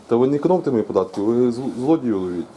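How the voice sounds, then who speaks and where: A man's voice: medium pitch, animated, very fast, mellow, slight background noise. A man filming himself as he questions officers on duty, insistent and pressing, repeating his demands. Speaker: blogger confronting police at a post. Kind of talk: confrontational street recording.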